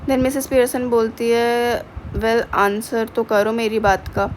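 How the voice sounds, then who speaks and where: A woman's voice: fairly high pitch, little pitch movement, takes it slowly, a little hiss or hum, low-quality recording. A woman teacher explaining a play to students, reading English lines and explaining them in Hindi.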